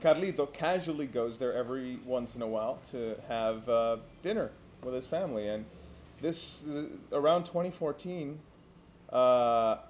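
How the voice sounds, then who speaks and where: A young man from Santiago, co-hosting a casual chat and telling stories in a relaxed way, with laughs and restarts. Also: mid-range voice, normal speed, slight background noise. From Santiago, Dominican Republic. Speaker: co-host.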